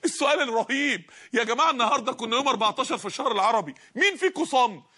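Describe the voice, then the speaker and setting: A man's voice: very high-pitched, lively intonation, rapid-fire, pushed and bright, breathy edge. A man with an Egyptian accent preaching a sermon, firing off impassioned rhetorical questions one after another. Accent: Egyptian Arabic.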